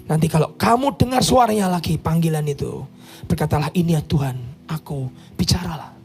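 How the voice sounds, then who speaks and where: A man voicing an old male priest who speaks gently and calmly to a boy, in a sermon retelling. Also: on the high side, brisk, gravelly, husky, soft background music. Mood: instructive.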